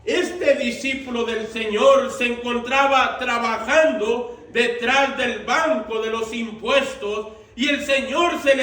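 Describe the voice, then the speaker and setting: A man preaching a sermon as pastor, slow and deliberate, repeating his phrases for emphasis. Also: very high-pitched, fairly bright tone. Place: church sanctuary. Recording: echoey church room, mic at a distance.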